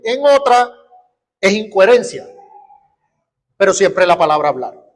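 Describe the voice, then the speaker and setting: A man preaching an expository sermon in a Colombian accent, teaching with rhetorical questions and everyday examples. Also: high-pitched. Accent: Colombian Spanish. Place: church hall. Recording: long reverb of a church hall.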